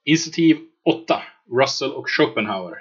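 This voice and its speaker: A man running a tabletop game as game master, narrating scenes in a relaxed way with many filler words. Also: medium pitch, breathy edge. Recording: dull lo-fi mic.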